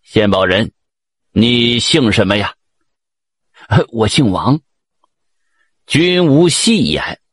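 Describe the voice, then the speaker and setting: A man doing a slow, lordly emperor. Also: mid-range voice, animated, slightly rough, no echo, studio quality.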